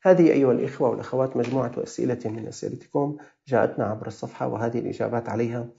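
Man with levantine accent, religious scholar, fatherly q&a advice, dark tone, dull lo-fi sound. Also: mid-range voice, rapid-fire, vocal fry. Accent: Levantine Arabic. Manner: earnest, fatherly advice to listeners. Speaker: religious scholar answering viewer questions. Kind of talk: religious Q&A answers.

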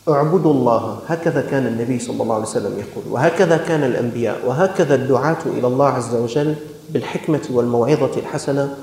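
A man's voice: mid-range voice, racing, darkish tone. A man preaching a sermon in an earnest, rhetorical storytelling manner, with echoey hall reverb.

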